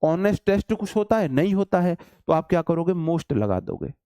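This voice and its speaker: A man's voice: a little high, big pitch swings, normal speed, dark tone, smooth, no room sound, clean studio sound. A man teaching an exam-prep grammar lesson, repeating points emphatically and calling his students "brother". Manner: repetitive, emphatic explaining, addresses students as brother. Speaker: English teacher.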